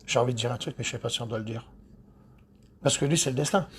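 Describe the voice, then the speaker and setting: A man who details cars, chatting casually while he works, excitable, boastful and rambling, with a husky voice. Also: medium pitch, fast talker, a little hiss or hum. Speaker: car detailer. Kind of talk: casual chat while working.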